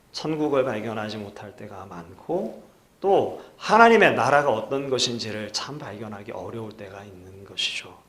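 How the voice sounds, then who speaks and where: A male pastor preaching a sermon in a measured, earnest way, putting rhetorical questions to the congregation. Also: mid-range voice, fairly bright tone. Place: church sanctuary. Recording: echoey church hall.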